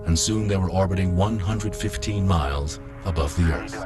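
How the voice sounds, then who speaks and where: A man's voice: sits low, moderate pace. A man reading scripted narration as a documentary narrator. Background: prominent music.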